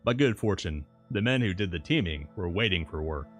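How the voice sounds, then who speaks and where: A man reading a classic novel aloud as a streamer, in audiobook-style narration with measured, deliberate phrasing. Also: low voice, expressive. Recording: music playing behind the voice. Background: background music.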